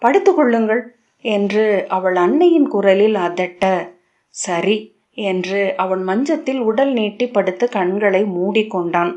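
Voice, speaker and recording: A woman's voice: medium pitch, measured pace. Woman reading a novel aloud. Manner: steady literary storytelling. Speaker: audiobook narrator. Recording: dull lo-fi audio.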